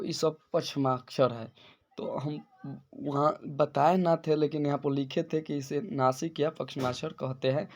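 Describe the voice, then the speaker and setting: A man's voice: on the high side, darkish tone. A male teacher working through exam questions one by one, repeating and restarting phrases as he explains each answer. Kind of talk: exam-prep lesson.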